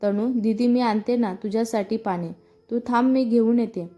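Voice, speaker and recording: A woman's voice: on the high side, steady tone, normal speed, dark tone, highs cut off, natural voice. A woman voicing an eager younger sister.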